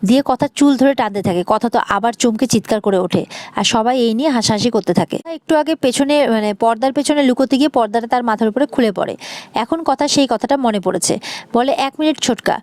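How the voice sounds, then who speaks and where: A woman's voice: on the high side, brisk, a little mellow, no echo. Woman narrating a serial recap, dry sound. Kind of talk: retelling a TV serial episode.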